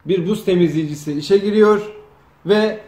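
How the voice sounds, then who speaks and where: Running a family comedy skit from behind the camera, a man bossily cues and directs the others in loose, improvised banter. He has a high, mellow voice at normal speed, captured in a roomy, echoing space with a little faint noise.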